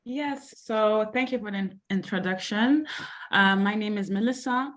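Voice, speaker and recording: A young Belgian woman, a sports coach and mentor appearing as a guest, answers interview questions about her coaching. Her mid-range voice moves at a moderate pace, and she speaks hesitantly with many fillers, lots of ums and likes.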